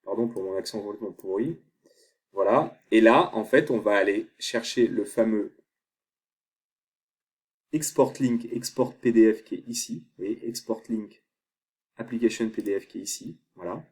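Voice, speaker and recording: A man explaining a software tutorial step by step, thinking aloud as he clicks through screens. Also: lowish voice, normal speed, pauses often. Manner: thinks aloud while clicking, many fillers. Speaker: online tutor.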